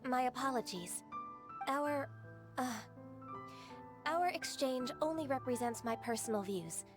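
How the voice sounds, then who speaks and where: Over game music, a woman voices a composed, formal female secretary in a video game. The character is polite and measured, and the voice is high-pitched and animated.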